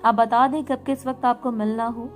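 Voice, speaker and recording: A soft-spoken young woman, devout and weighed down by sorrow, as a female storyteller voices her. She speaks quietly in a slightly high register, a gentle storybook figure. Faint music plays underneath. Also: steady tone, moderate pace, lightly acted. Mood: wistful.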